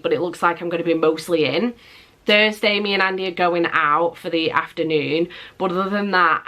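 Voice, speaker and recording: Indoors at home, a young English vlogger chats casually for her monthly video, rambling and swearing freely with a cold-blocked nose. Her voice sits on the low side with a fairly bright tone.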